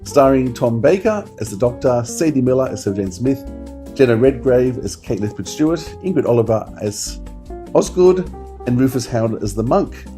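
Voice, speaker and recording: A man co-hosts a podcast, chatting informally and enthusiastically and reading out notes and credits. His mid-range voice is expressive and dark in tone, at a normal speed. Acoustic guitar music plays in the background.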